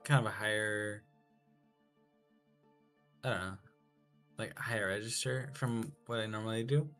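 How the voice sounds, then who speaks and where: Man, voice actor, hesitant, soft-spoken, low voice, casual chat. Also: fairly even intonation, unhurried, soft background music.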